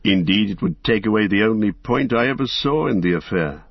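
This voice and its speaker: A man voicing a stern, wise old male wizard who gives firm, measured commands. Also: fairly low pitch, animated, no echo. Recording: dry, slightly dull recording.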